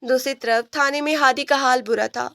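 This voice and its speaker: A woman narrating a romantic novel in a steady storytelling voice. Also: high voice, vocal fry, no room sound, studio quality. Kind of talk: scripted audiobook narration.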